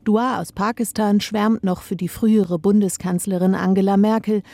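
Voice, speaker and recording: A woman reads a scripted radio report in a mellow, slightly gravelly voice. The sound is close and dry, with no room around it. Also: mid-range voice, steady tone, moderate pace, dry recording.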